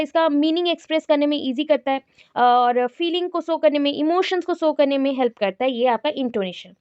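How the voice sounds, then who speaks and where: A woman teaches an exam-prep lesson in a high voice. She reads example sentences aloud and explains each one. The sound is dry and a little dull. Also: dry recording.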